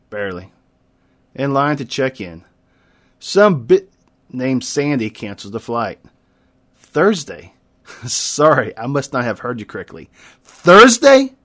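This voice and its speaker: A man in his thirties reading his own poem, with dramatic swings between loud outbursts and quiet asides. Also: mid-range voice. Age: 30s. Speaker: poet.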